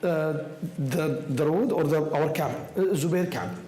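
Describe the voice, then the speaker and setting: At a public talk, a man from an astronomy group takes audience questions in non-native English, his voice hoarse and nearly gone from a cold. He speaks haltingly, repeating words and phrases, in a slightly high, dark-toned voice. The indoor room with an audience is echoey, with some background noise.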